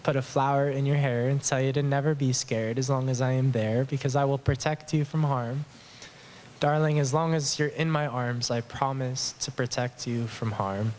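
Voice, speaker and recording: A man's voice: mid-range voice, steady tone, moderate pace, a little mellow, a little hiss or hum. A man from Southern Alberta reading his own love poem at a live open mic, earnest and a little nervous. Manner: earnest, tender, a bit nervous. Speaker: poet. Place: small acoustic lounge with live audience.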